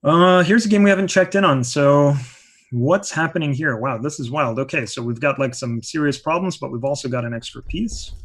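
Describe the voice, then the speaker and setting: A man's voice: on the high side, a little fast. A man giving live chess commentary in a chatty way, explaining moves with many asides.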